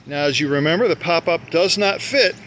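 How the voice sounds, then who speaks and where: A man's voice: a little high, expressive, a little fast, a bit bright. An older man casually showing his camping gear to camera at a grassy campsite, talking in a folksy, rambling way and correcting himself as he goes. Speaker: motorcycle camping vlogger. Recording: dull lo-fi outdoor sound with faint noise.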